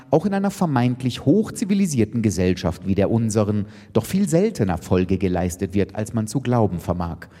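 A man narrates a comic tale slowly and deliberately. His pitch is lively and animated. A long hall reverb trails every word. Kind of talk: comic storytelling reading.

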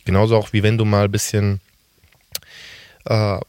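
A man's voice: on the low side, monotone, moderate pace, darkish tone, smooth, no echo. A man in his thirties, a guest in a casual podcast conversation, talking candidly and rambling with self-mocking asides. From Germany.

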